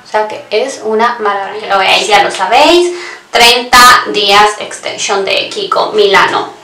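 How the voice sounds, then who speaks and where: A beauty vlogger gives a casual makeup tutorial, talking straight to her viewers in a chatty way and often stopping to correct herself. Her voice is medium-pitched at normal speed, somewhat far from the mic, with roomy echo and background noise.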